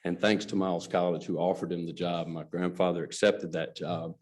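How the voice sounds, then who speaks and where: The guest speaker at this luncheon is a middle-aged company president from Alabama, USA, whose deep voice holds a level tone at a fairly quick pace. His speech is earnest storytelling aimed directly at the audience.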